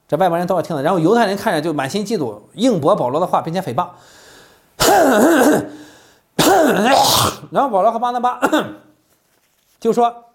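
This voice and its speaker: A man preaching a sermon, animated, asking the listeners rhetorical questions and coughing now and then. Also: on the high side.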